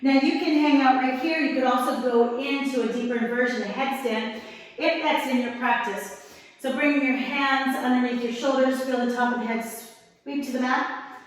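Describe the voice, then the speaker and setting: High-voiced woman guiding a yoga class. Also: moderate pace, heavy reverb, in a large hall, distant mic, rough recording. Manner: calm, encouraging cues while holding poses herself. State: slightly strained breath while in poses. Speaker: yoga instructor. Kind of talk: guided yoga class instruction.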